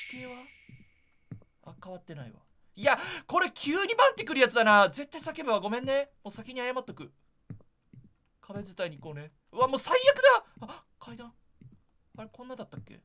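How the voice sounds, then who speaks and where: Animated, jittery male game streamer. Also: very high voice, a little hiss or hum. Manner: jittery, chatty, talking to the viewers. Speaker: gaming streamer. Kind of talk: casual gameplay commentary.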